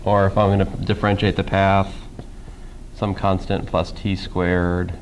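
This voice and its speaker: A man's voice: low voice, little pitch movement, a little slow, slight background noise, low-quality recording. A man teaching a college calculus class in a casual lecture style, with dry sarcastic humor and questions tossed to the students. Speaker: math professor.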